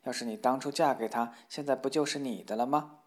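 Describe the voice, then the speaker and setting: A man's voice: medium pitch, brisk, natural voice. A man doing a blunt ragged minstrel. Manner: plain, blunt. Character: ragged wandering minstrel, gruff husband.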